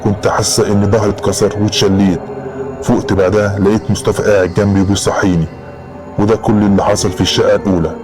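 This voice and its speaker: A man's voice: deep voice, a little mellow. A man with an Egyptian Arabic accent narrating a horror story in the first person, in a dramatic storytelling style.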